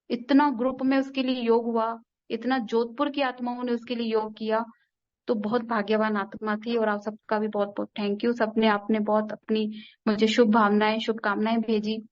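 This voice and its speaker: A woman's voice: fairly high pitch, dull audio. A young woman earnestly sharing a personal spiritual testimony with a gathering, repeating phrases for emphasis. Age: young adult.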